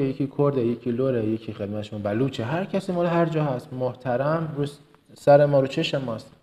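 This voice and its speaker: A Kerman-born trainer with a light Kermani Persian accent leads a motivational business session. His voice is medium in pitch and a little mellow, and he hammers points home with emphasis, repeated words and quickly listed items.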